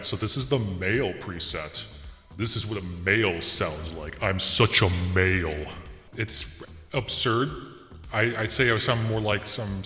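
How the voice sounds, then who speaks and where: A man heard through a deep male pitch-shift preset, joking grandly about how he sounds. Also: pushed and bright, reverberant, in a large hall.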